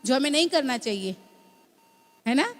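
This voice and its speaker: Her high voice swings widely in pitch as she preaches at a normal pace in a church hall, where the long reverb carries her words. Young adult to middle-aged and mother to a small child, she gives a teaching sermon, often asking "है ना?".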